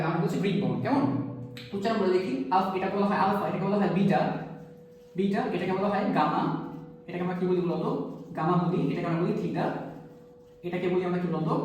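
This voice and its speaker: A math teacher, giving a lesson, quizzing students with quick questions and repeating key terms. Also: mid-range voice, darkish tone. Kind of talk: classroom-style math lesson. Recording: very echoey room, voice far from mic.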